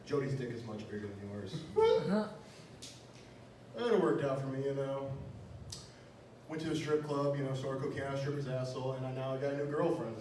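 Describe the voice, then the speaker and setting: A young Wisconsin man does a stand-up set on a small club stage, cracking crude, self-mocking jokes packed with "you know." His mid-range voice has a dark tone, moves at a normal speed, and leaves long pauses. The echoey room is picked up by a distant mic with faint noise.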